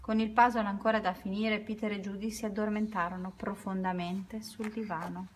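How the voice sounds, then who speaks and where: A woman's voice: medium pitch, level tone, breathy edge. Woman reading a children's story. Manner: unhurried reading with small self-corrections.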